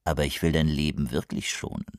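A man doing a quietly menacing fifty-year-old duke. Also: very deep voice, fairly even intonation, fairly quick, no echo, studio quality. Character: cold, scheming male co-duke, about fifty.

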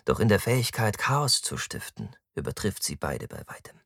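A man narrating an audiobook in the first person with an expressive, varied delivery. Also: sits low, normal speed, vocal fry, no echo, studio quality.

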